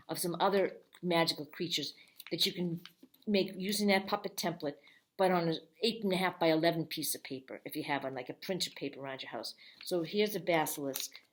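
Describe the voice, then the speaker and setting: A woman's voice: low-pitched, a little fast, slight background noise. A woman librarian giving a friendly, step-by-step craft tutorial for kids. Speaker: children's librarian.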